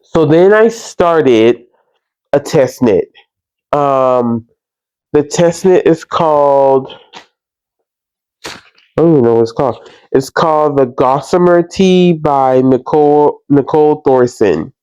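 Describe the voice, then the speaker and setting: A man chatting casually like a crafting vlogger, congested with a cold, sniffing and breathing through his mouth, in a halting, stop-and-start way. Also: a little high, darkish tone, clear, resonant tone, no room sound. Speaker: podcast host. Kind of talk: casual crafting vlog chat. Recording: slightly dull, lo-fi sound.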